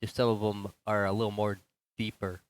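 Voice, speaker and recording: Colorado firefighter, man, low and smooth, talks slow and thoughtful. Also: little pitch movement. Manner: thoughtful, hesitant with fillers. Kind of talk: casual book club chat.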